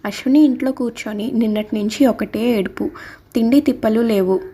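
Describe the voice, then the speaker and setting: Soft-toned woman narrating a story. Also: a little high, moderate pace, breathy edge. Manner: reads all characters' lines in her own voice. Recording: soft background music.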